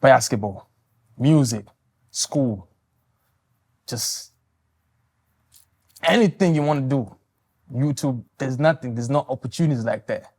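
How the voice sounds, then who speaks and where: A young Tanzanian man in his twenties replies to interview questions gently and politely, his wording loose and tentative. He talks a little slowly at a medium pitch, leaving long pauses.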